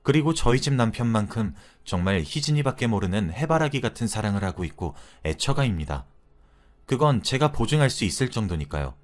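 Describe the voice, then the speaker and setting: A man's voice: on the low side, sing-song, a little fast. A man narrating a wife's real-life story in a chatty, confiding storyteller's manner. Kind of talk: scripted narration of a listener's story.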